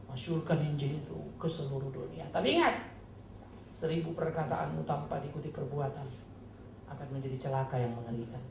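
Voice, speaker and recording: A male pastor preaching a sermon in an animated, mocking way that swings between loud outbursts and low, earnest tones. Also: a little fast, gravelly, reverberant, a little hiss or hum. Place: church hall.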